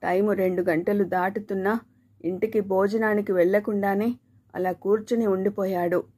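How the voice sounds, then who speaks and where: Woman telling a story, dark mellow voice, acts out the lines. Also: mid-range voice, fairly even intonation, normal speed, breathy edge. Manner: acts out dialogue with shifts in loudness. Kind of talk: scripted story narration.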